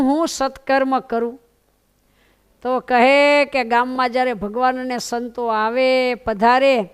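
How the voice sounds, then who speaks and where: A woman voicing a grieving widowed village woman who pleads tearfully in prayer. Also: high voice.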